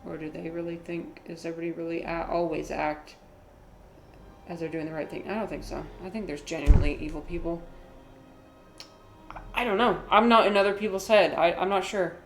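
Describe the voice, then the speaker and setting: A woman giving casual, rambling commentary as she plays a video game, with vocal fry in her voice. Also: on the low side, fairly even intonation, fairly quick, pauses often, roomy sound, soft background music. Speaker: streamer playing a video game.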